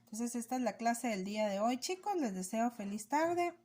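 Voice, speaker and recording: A woman teacher with a slightly higher voice talks through a recorded lesson. She explains patiently and step by step, pausing now and then to check that her pupils are following. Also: animated, a little mellow. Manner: patient, explanatory, checks understanding with rhetorical questions.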